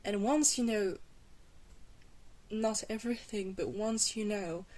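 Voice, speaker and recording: Calm and instructive, a woman voices a glamorous vampire mentor for an ASMR roleplay, soft and a bit hesitant, patient, reassuring and quietly wry. Her pitch is medium and her pace slow, close to her everyday voice.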